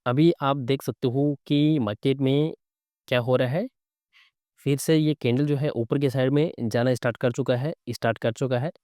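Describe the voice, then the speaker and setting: This trading instructor and live-trade host has a soft, mellow, mid-range voice with fairly even intonation, captured close and dry at a moderate pace. Despite a slightly sore throat, he walks viewers through chart reading in casual live commentary, frequently adding small questions to make sure they're keeping up.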